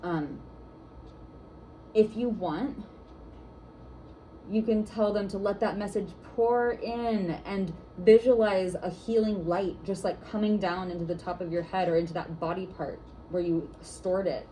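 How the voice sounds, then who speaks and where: A woman's voice: medium pitch, fairly even intonation, a little slow, mellow, poor audio. A woman instructor teaching a workshop class for massage therapists, guiding and chatty with lots of "like" fillers.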